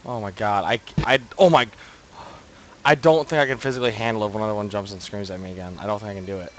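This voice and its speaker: A man's voice: lowish voice, quick pace, fairly bright tone, slight background noise. A man streaming himself playing a horror game, jumpy and swearing constantly as he talks through it. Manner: jumpy, swears constantly, pleads others to take over. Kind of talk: live horror game commentary.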